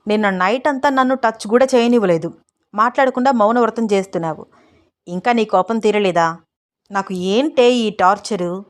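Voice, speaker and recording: A woman's voice: medium pitch, moderate pace, close to an everyday voice. A woman voicing a playful, pushy young husband who teases his wife. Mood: teasing. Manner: teasing, cajoling.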